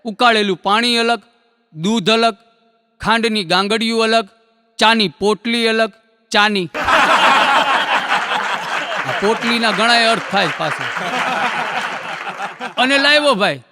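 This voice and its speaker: High-voiced joke teller. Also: male voice, in a large hall, heavy background noise. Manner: folksy storytelling, acting out characters in quick dialogue. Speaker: stand-up comedian. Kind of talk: Gujarati joke telling, stage storytelling.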